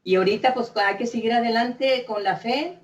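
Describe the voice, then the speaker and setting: A woman's voice: a little high, moderate pace. An older woman singer, telling stories in a chatty, folksy way full of "¿eh?" tags. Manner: chatty, folksy, frequent "¿eh?" tags and repeated words. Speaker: singer being interviewed. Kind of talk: warm, rambling storytelling interview. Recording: echoey room, voice from a distance, faint hum.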